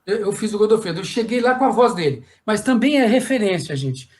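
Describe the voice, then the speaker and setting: A man's voice: high-pitched, fairly quick. A middle-aged man, a puppeteer and voice actor, telling anecdotes on a panel and acting out the voices of people he quotes. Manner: lively storyteller who acts out quoted voices, frequent "né?".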